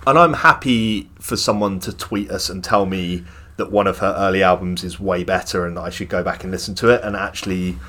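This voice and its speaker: This man's low-pitched voice is brisk, bright and forceful as he co-hosts a podcast, talking about music casually with plenty of enthusiasm and strong opinions.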